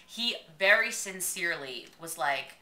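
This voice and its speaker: A woman's voice: on the low side, measured pace. A woman co-hosting a casual chat, telling stories animatedly and acting out what people said. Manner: animated storyteller acting out dialogue. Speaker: co-host. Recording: roomy echo.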